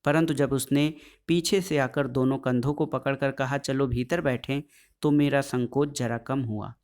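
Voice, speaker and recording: Calm man reading a story aloud. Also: mid-range voice. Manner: first-person confessional storytelling, calm and measured. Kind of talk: scripted narration of a short story.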